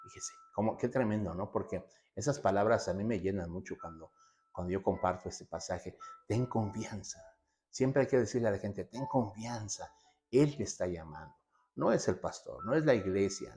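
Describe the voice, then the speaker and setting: Man, low voice, preacher, sermon, rhetorical questions, repeats for emphasis. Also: warm tone. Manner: asks himself rhetorical questions and answers them.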